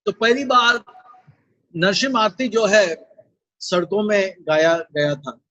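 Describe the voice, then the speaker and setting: A monk telling a devotional story in a talk, unhurried and pausing often with fillers. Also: male voice, high-pitched, animated, bright, forceful tone, no echo, muffled recording.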